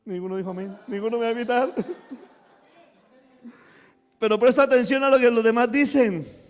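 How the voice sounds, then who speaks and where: A man preaching a sermon as a pastor, with sudden loud bursts of emphasis and quick acted asides. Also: extremely high pitch, in a large hall. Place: church hall.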